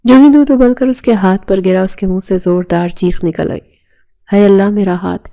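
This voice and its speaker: A woman narrating a romance novel aloud in a steady, even reading. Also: medium pitch, creaky.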